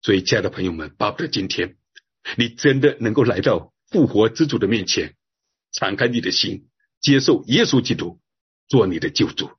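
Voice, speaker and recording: A man's voice: fairly low pitch, animated, normal speed, husky, muffled recording. A man preaching a sermon, telling a story earnestly and drawing his phrases out, ending with a prayer. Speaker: pastor.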